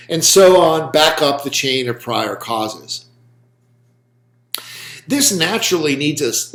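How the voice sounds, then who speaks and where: A man lectures on philosophy for a recorded class, dictating points slowly and repeating them so listeners can write them down. His voice sits at a middle pitch, and he fills the pauses with ums. The recording carries a noticeable roomy echo. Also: a bit bright. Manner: slow, deliberate dictation with frequent ums. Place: room with a whiteboard.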